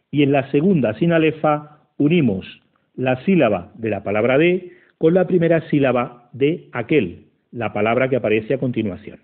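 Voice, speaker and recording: A man narrates a scripted grammar lesson at an unhurried, methodical pace and counts syllables out one by one. His voice sits at an ordinary middle pitch. The audio is narrow and tinny, like a voice heard over a phone line. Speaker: teacher.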